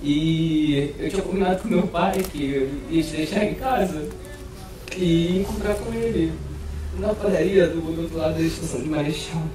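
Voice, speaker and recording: A man's voice: fairly high pitch, normal speed, music in the background. A man, telling informal wedding vows as a groom. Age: 20s. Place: outdoor night wedding with guests. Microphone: handheld mic through speakers, filmed from afar. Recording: echoey far-off event recording, noisy.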